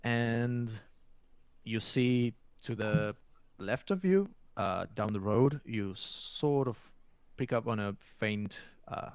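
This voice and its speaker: A man running a tabletop role-playing game as game master, describing scenes in a halting way with many filler sounds. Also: mid-range voice, lively intonation, smooth, dry recording.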